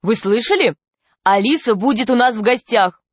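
A woman reading a storybook, voicing a loud, mocking schoolboy joker who shouts his jokes. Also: fairly high pitch, lively intonation, normal speed, dry recording, voice pushed up. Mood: loud teasing.

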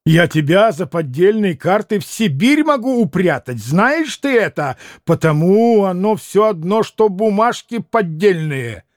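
A man reading a shrewd middle-aged innkeeper who talks in a rough, accusing, bossy way. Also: sits high, sing-song, unhurried, few pauses, no echo, studio quality.

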